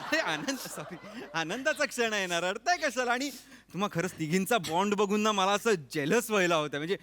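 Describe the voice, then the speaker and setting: A man's voice: sits high, animated, brisk, heavy background noise. A man playing a joking, evasive young fiancé in a stage comedy sketch, chatty and tripping over his words. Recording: stage sketch with background music.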